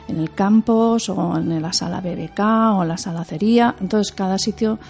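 Expressive woman singer in interview, medium pitch, faint music underneath. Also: moderate pace, creaky, slightly rough. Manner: expressive, animated storyteller with laughs. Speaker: opera singer and performer. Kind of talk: interview conversation.

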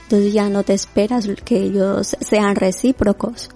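Latin American woman in her forties, interview guest; mellow, gravelly delivery, faint music underneath. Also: medium pitch, steady tone, a little slow. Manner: reflective, many restarts and fillers. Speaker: guest, domestic worker. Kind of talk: conversational interview.

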